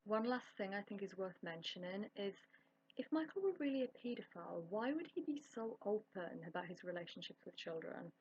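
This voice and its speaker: A woman's voice: medium pitch, animated, brisk, a little mellow, slightly rough, muffled recording. A woman narrating a commentary video over archive clips, earnest and conversational, with "you know" in her sentences.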